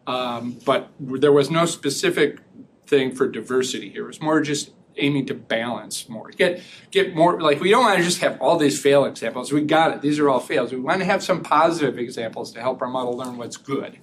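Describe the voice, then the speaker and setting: A man giving an academic research talk and taking audience questions, chatty and relaxed, laughing easily and often restarting sentences. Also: medium pitch, fairly quick. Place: lecture room. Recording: distant mic with faint room noise.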